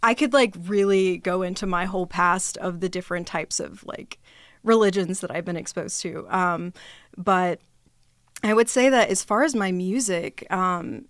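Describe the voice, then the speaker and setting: Soft-spoken, hesitant female guest. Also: on the low side, normal speed, dry recording. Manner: hesitant, soft-spoken, laughs between thoughts. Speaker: singer-songwriter guest. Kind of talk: casual chat. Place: music studio.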